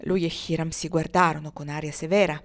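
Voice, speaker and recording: A woman reading a literary novel aloud as an audiobook narrator, measured and expressive. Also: deep voice. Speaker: audiobook reader.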